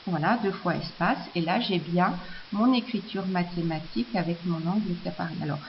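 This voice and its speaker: A woman explaining software step by step in a screencast tutorial, hesitant, with many fillers and restarts. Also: fairly low pitch, fairly quick. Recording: slightly dull lo-fi audio with faint hiss.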